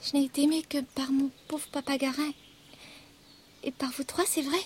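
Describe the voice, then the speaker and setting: An actress voicing a timid, gentle poor little girl in a radio drama, talking softly and pleadingly. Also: sits high, flat delivery, moderate pace, slight background noise, lightly acted. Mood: fearful. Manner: soft, pleading, childlike.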